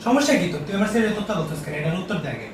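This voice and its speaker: A young man playing a hot-tempered rustic father who scolds and threatens in rapid bursts. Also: high voice, very animated, slight background noise. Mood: furious. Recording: echoey room, voice from far off.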